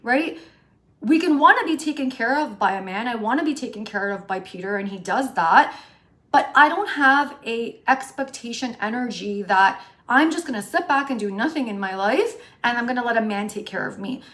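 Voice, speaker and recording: A woman in her late thirties, a relationship coach, talking to her viewers in an animated, chatty way and often asking "right?". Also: on the high side. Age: 30s. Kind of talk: casual chat to camera.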